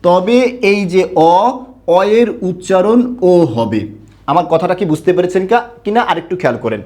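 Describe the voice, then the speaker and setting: A man's voice: sits high, sing-song, moderate pace, darkish tone. A man teaching pronunciation in an online lesson, asking questions and answering them himself, drawing out words to show each sound. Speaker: Bengali grammar teacher.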